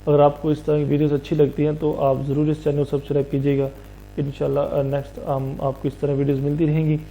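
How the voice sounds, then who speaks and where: A man's voice: a little high, completely flat delivery, warm tone, soft background music, low-quality recording. A man teaching a vocabulary lesson, explaining each word step by step and answering his own questions.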